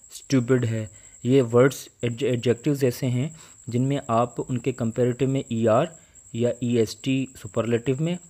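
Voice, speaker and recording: A man's voice: medium pitch, dark tone. A man teaching English grammar in a patient, explanatory way, repeating each point and checking that students follow.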